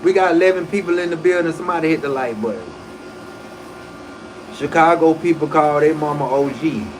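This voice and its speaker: A livestream host in his forties, his voice a little high for a man, rambles casually and fairly quickly over a noisy background. His talk is loose, profane slang, and he often restarts sentences mid-thought.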